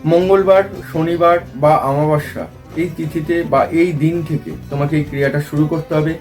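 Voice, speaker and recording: A man's voice: a little high, fairly even intonation. A man who hosts a tantric advice channel, giving a lecturing, scolding spiritual monologue to camera. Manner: chants mantra slowly and loudly. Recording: faint music in background.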